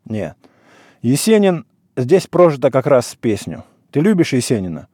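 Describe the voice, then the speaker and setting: A man reading a story aloud, voicing a big, powerful village priest with a booming, preaching manner. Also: very animated, normal speed, dark tone, husky, no room sound, studio quality. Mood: brooding. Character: big, powerful, hard-drinking village priest, grieving and wild. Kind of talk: literary reading.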